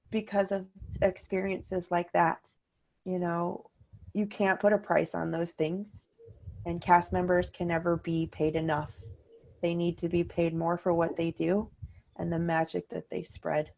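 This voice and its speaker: A middle-aged woman chats casually as a podcast co-host, her speaking voice sitting a little low. She tells her story with energy and jumps up into a higher voice whenever she quotes someone. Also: flat delivery, measured pace, vocal fry, a little mellow. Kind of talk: casual chat.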